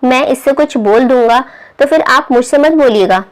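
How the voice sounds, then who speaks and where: A stiff, irritable young man, voiced by a woman reader, complaining in a clipped way. The voice sits a little high. It comes from an audiobook novel. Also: moderate pace, close to an everyday voice. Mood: irritated.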